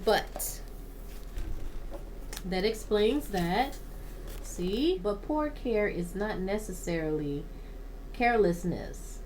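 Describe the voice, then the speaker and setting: A woman hosting a plant channel, reading aloud from a houseplant book in a halting way, stopping to correct herself and add her own comments. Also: medium pitch, lively intonation, a little mellow, slight background noise, poor audio.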